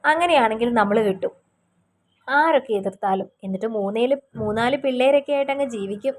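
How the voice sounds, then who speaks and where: A woman's voice: fairly high pitch, brisk, natural voice. A woman voicing a tender young man in love. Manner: soft, gentle, teasing.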